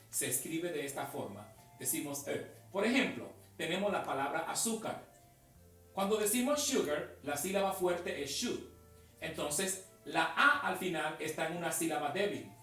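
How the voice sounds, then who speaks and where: Male pronunciation teacher, slightly high voice, deliberate and emphatic, repeats words for drills. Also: a bit bright, echoey room. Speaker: English teacher. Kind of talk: pronunciation lesson.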